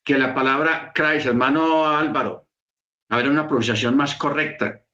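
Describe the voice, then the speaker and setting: A man teaching a congregation in a sermon, explaining slowly and repeating key words for emphasis. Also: medium pitch, fairly even intonation, pushed and bright, echoey room, muffled recording. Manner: slow, repetitive, emphatic explaining.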